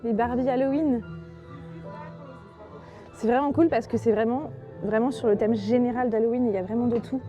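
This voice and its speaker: A woman's voice: fairly high pitch, fairly even intonation, normal speed, long pauses, dull audio, over music. A woman narrating a casual travel vlog in a chatty, enthusiastic way, with many fillers. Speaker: travel vlogger.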